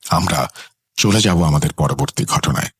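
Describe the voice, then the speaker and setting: Deep, husky male horror storyteller. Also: moderate pace, a bit bright. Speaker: radio show host and storyteller. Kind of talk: scripted horror story narration.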